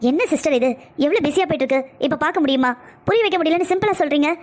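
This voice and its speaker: A woman voicing a busy female doctor in a cartoon, talking in a brisk, commanding but reassuring way. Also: high voice, lightly acted. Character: calm, firm female doctor, a busy pediatrician. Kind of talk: cartoon voice acting.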